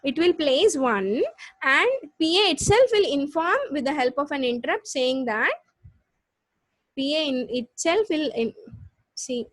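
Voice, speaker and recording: A woman with a South Indian accent teaching a live online class, explaining step by step with repeats and halting restarts. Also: sits high, lively intonation, no room sound, low-quality recording. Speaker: computer science lecturer. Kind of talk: live online lesson with check questions.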